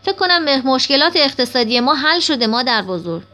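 A woman's voice: sits high, sing-song, bright, forceful tone, faint music behind, voice pushed up, full character voice. A woman voicing an eager, curious young boy who asks many questions. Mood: earnest.

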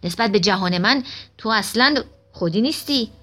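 A woman's voice: medium pitch, animated, sharp tone. A woman reading the lines of a suspicious man who accuses the narrator, in a raised, accusing voice. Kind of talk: audiobook reading.

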